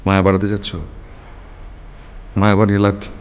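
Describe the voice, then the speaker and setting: An actor playing a stern artist husband. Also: male voice, lowish voice, completely flat delivery, fast talker, smooth, highs cut off, lightly acted. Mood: cold. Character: artist husband arguing over parting, male adult. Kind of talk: TV drama acting.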